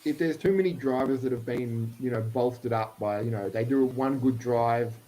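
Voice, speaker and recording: Chatty man, joking racing co-host, says "you know" a lot; mid-pitched. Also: normal speed, warm tone, poor audio. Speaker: podcast co-host. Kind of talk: casual motorsport chat.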